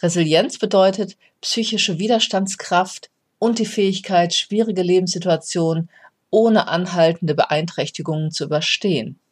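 A podcast host speaking straight to the listener in a reflective, explanatory monologue about resilience. The voice sits at a middle pitch and keeps an even, motivational tone. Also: moderate pace, husky.

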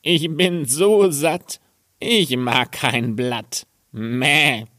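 A man voicing a spiteful, lying nanny goat in a storybook reading, bleating in a high voice. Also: very slow, bright, forceful tone, no echo, clean studio sound.

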